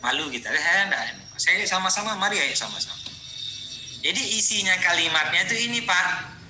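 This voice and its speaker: A man's voice: sits high, lively intonation, brisk, reverberant, music in the background, low-quality recording. A man giving a rambling online lecture on research proposals, addressing his listeners directly.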